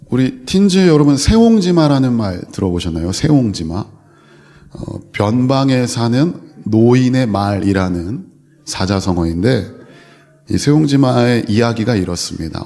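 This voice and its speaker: A man's voice: medium pitch, lively intonation, unhurried, warm tone. A man who is a pastor preaching a sermon to young people, telling a story and speaking directly to his listeners. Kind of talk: sermon to youth.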